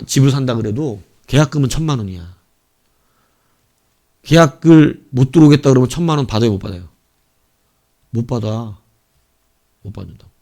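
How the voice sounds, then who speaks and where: A man preaching a sermon as pastor, telling stories animatedly and swinging between hushed asides and loud, emphatic exclamations. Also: mid-range voice.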